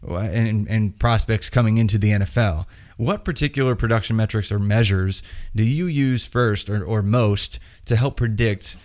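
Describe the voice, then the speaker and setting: A man's voice: fairly low pitch, moderate pace, darkish tone. A man from Indiana with an American accent, hosting a conversational sports podcast. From Indiana, United States. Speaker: podcast host.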